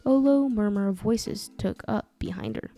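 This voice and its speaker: A woman narrates a dark tale in a measured, dramatic way. Her voice is gravelly and mellow, and soft music plays quietly behind her. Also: mid-range voice. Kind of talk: scripted storytelling narration.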